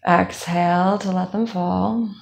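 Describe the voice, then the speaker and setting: A young woman instructor leading a calm guided body scan meditation, speaking slowly with soft fillers. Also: fairly low pitch, creaky. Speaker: movement instructor.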